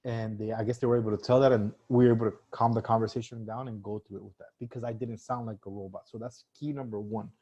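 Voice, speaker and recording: Dark-voiced man coaching casually. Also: fairly low pitch, steady tone, fast talker, few pauses, husky, lo-fi sound. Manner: conversational, many fillers and restarts. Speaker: sales trainer. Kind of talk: casual live-stream teaching.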